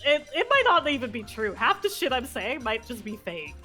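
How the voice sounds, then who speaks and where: A woman streamer chats casually while gaming, her voice animated and moving a lot in pitch. She rambles, restarts her sentences and swears freely. Faint music plays in the background. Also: moderate pace.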